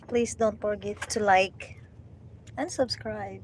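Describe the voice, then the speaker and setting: Slow-talking Filipina vlogger, Bisaya accent. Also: female voice, medium pitch, fairly even intonation, slight background noise. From Philippines. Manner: chatty, greets viewers, playful with English. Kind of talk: casual live-stream chat.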